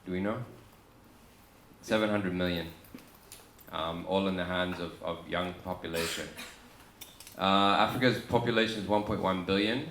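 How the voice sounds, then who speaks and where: Low-voiced aussie guy on a conference panel, lots of ums, echoey room. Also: slight background noise. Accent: Australian. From Australia. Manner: relaxed, halting with many ums and restarts. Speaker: panel speaker.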